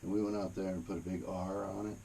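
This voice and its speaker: A man with a low, gravelly voice tells casual stories in a laid-back, rambling, foul-mouthed way. The tone is mellow, and the recording carries faint noise and cave ambience. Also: little pitch movement, fast talker. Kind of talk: casual anecdotal storytelling. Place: inside a cave during a tour.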